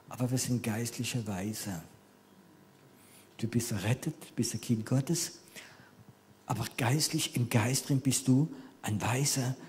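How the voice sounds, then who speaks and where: A man in his fifties with French as his first language, preaching a sermon in German as an animated storyteller who swings between loud emphasis and quiet near-whispers. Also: mid-range voice, slight background noise.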